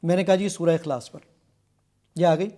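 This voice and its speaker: A man with a Pakistani Urdu accent demonstrating a software app step by step as a guest in a television studio. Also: on the high side, steady tone. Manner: eager, explanatory, walking through features step by step. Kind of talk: product demonstration on a TV show.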